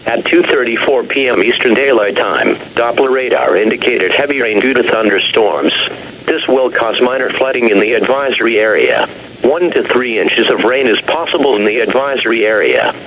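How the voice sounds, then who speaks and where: A man's voice: medium pitch, expressive, fairly bright tone. Synthetic male emergency alert voice, noisy radio. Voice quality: synthetic text-to-speech voice. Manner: measured, formal, impersonal reading. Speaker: automated weather radio announcer. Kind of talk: emergency alert weather warning bulletin. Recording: noisy weather radio broadcast.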